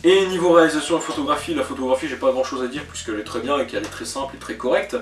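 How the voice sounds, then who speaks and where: A man's voice: mid-range voice, rapid-fire, recorded from a distance, slight background noise. Hesitant man reviewing a film. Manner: hesitant, many "euh" fillers and self-corrections; joking asides. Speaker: film reviewer, channel host. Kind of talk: casual spoken film review. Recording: roomy echo, voice a bit off-mic, faint music behind.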